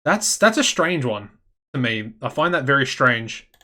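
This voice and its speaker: An Australian man chatting casually as he plays a management game, thinking aloud and getting excitable. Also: mid-range voice, measured pace. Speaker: gaming channel host.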